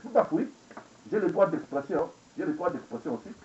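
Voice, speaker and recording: Very animated and brisk, this fairly high, slightly mellow voice belongs to a man in his 40s ranting angrily on an indoor webcam. He rambles, repeats himself, fires rhetorical questions and code-switches into English, all on an echoey, dull lo-fi recording.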